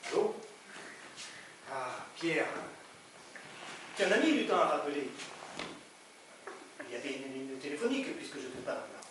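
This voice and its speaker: A man's voice: fairly high pitch, big pitch swings, moderate pace, pauses often. A man acting a touchy, stammering son who has just lost his father, on stage in a live play, with a southern French accent. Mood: wary. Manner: stammers and flares up in indignant bursts. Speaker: stage actor. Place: theatre stage. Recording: echoey theatre, distant mic, audience noise.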